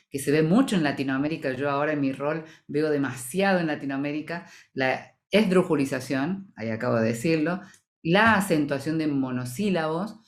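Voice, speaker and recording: A woman from Argentina speaks with a Rioplatense accent, her voice set quite low. She is a voice-over professional answering interview questions in an articulate, measured, explanatory way. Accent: Rioplatense Spanish. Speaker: voice-over professional, association president.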